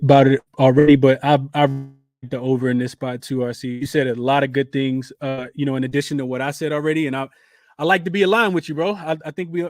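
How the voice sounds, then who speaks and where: A man hosting a casual betting chat, using loose slang and handing the floor to guests. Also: on the high side. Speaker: host. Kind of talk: casual hosting of a live audio room.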